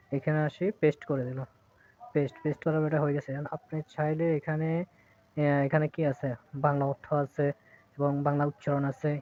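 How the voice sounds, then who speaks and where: A man's voice: fairly high pitch, darkish tone. A man walking viewers through an app step by step in a casual tutorial, with many hesitant fillers. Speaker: tutorial presenter. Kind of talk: casual screen-recorded tutorial. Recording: tinny phone-like sound.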